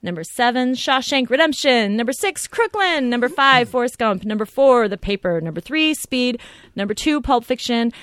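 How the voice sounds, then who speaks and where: A woman co-hosting a casual film podcast, talking excitedly and rambling with lots of fillers. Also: fairly high pitch, normal speed, no room sound, studio quality. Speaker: podcast co-host.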